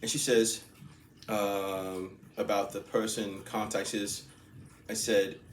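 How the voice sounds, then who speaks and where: A man's voice: lowish voice, level tone, slow, a little hiss or hum. A man casually telling a long story, rambling, laughing often and repeating himself. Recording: echoey room with faint ambience.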